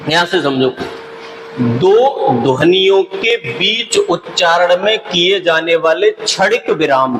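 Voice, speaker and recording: A man's voice: sits high, a bit bright, a little hiss or hum, poor audio. A man teaching a grammar lesson for exam preparation, patiently explaining, repeating key terms and often checking whether students have understood.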